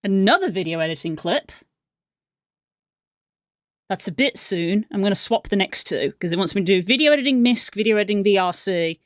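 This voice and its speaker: A woman's voice: mid-range voice, animated, brisk, no echo, clean studio sound. A woman streamer thinking aloud in a loose, casual way as she sorts and edits clips. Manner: muttering and thinking aloud to herself. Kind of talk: casual commentary while editing clips.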